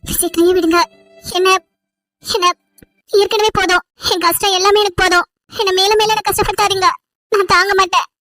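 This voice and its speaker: A woman voicing an anguished, high young woman. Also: steady tone, normal speed, long pauses, a bit bright, soft background music. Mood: pleading. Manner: pleading, tearful outbursts. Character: distressed young woman Vennila, anguished and defiant. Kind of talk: cartoon story voice acting.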